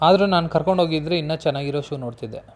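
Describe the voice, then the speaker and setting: A man's voice: a little high, very fast, slight background noise. Jokey man vlogging at home. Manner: jokey, mixes in English phrases, chuckles. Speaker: vlogger, husband receiving a gift. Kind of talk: casual home vlog chat. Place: at home indoors.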